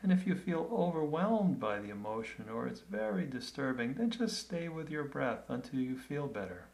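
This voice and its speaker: A man leading a guided meditation in a calm, gentle, unhurried way, with long pauses between phrases. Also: medium pitch, vocal fry, poor audio.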